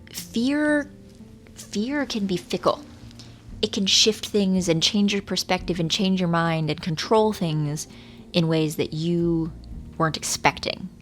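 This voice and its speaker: A woman in her thirties talking casually and reflectively to her viewers in an earnest, musing way, with rain around her. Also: sits low. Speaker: vlogger. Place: hotel room. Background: rain from a storm, faint music.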